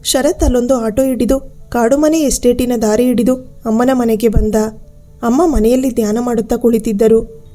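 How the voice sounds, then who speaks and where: A woman storyteller giving a steady, measured scripted narration of a ghost story. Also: on the high side, faint music behind.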